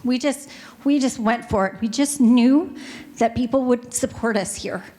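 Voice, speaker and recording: A middle-aged woman with a Pacific Northwest American accent, speaking on a business panel into a handheld microphone in a hotel ballroom, chatty and quick, joking with the audience. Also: a little high, darkish tone. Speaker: panelist, music store owner. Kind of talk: panel talk to a live audience.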